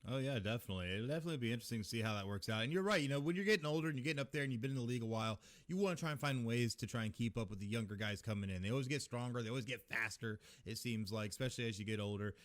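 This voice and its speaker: A man's voice: mid-range voice, rapid-fire, hardly any pauses. Chatty man co-hosting a sports podcast. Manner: chatty, reads a promo. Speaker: podcast co-host. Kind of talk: casual sports talk.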